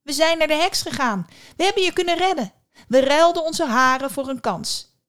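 A woman's voice: sits high, moderate pace, a bit bright, voice pushed up. A woman voicing the eldest mermaid sister, a protective young woman who pleads with insistence. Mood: urgent.

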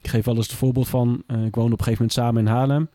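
A man's voice: mid-range voice, level tone, very fast, warm tone, no room sound. A man in a candid interview who speaks bluntly and plainly and often swears. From Groningen. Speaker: guest, former police officer.

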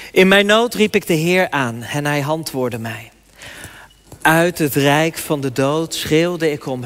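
A man's voice: fairly high pitch, fairly bright tone. A man, a pastor, speaking in church, explaining informally with some hesitation, then reading scripture and performing spoken-word poetry.

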